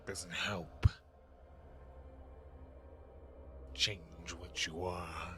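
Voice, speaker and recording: Brief: man doing grinning lowborn brute, half-whispered menace, deep and slow. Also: sharp tone, heavily acted. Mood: mocking.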